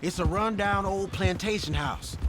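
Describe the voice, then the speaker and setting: An actor playing an eager, earnest young American outlaw in a Western video game. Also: male voice, high voice, moderate pace, background noise, close to an everyday voice. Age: young adult. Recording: outdoor nature and horse sounds behind.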